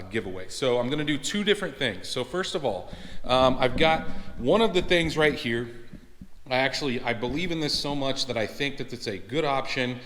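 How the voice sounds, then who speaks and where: A man talking casually to his viewers as a channel host, answering questions in a halting, conversational way with frequent restarts. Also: medium pitch, fairly bright tone. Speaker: host of a truck-building video channel. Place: cold garage shop, indoors. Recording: echoey, reverberant garage.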